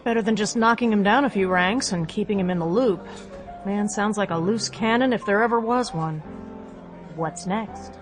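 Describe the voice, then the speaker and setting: Flirty, confident woman agent, played by an actress, mid-pitched, playful teasing, audio drama with prominent music. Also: normal speed, natural voice. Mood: breezy, teasing. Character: flirtatious, breezy, self-assured female agent.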